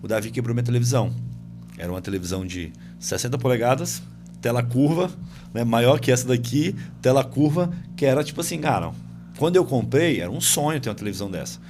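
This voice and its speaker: A man's voice: medium pitch, animated, fast talker, music in the background. A man hosting a podcast, telling a family story casually with many fillers and acting out the dialogue, recorded in a home studio. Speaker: podcast host.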